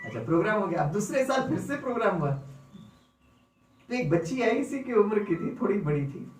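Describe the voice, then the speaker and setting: A man's voice: sits high, big pitch swings, a little fast, slight background noise. A man giving a spiritual class, telling stories, acting out voices and asking the audience questions. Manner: storytelling, acts out voices, asks the audience. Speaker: spiritual teacher. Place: lecture hall with audience. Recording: echoey hall mic from far off.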